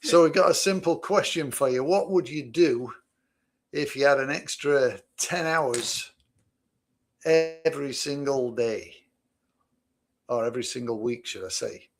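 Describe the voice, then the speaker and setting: A man's voice: medium pitch, unhurried, pauses often. A man co-hosting a casual podcast chat, asking easygoing rhetorical questions. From Manchester, England. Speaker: co-host, business owner.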